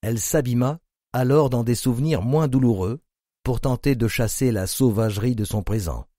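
A man narrating an audiobook in a grave, measured reading. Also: medium pitch, dark tone, dry recording, studio quality. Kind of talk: scripted narration.

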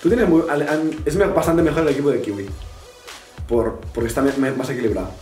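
A man's voice: fairly high pitch, fairly quick, a little mellow, echoey room, recorded from a distance, soft background music. A young man, calling plays aloud like a sports commentator while gaming with friends. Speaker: gamer playing with friends. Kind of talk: excited gaming banter.

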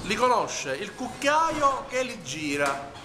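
A man's voice: very animated, takes it slowly. A man in his forties with a Sicilian accent speaking casually to an interviewer indoors. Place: room indoors. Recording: clearly noisy, low rumble.

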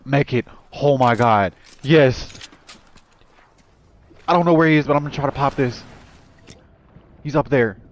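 A man's voice: a little slow, pauses often. A man hosting a gaming channel, giving anxious, jittery commentary on his own gameplay and talking straight to his viewers. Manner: jittery, anxious self-talk addressed to viewers; breaks into high panicked yelling when in danger.

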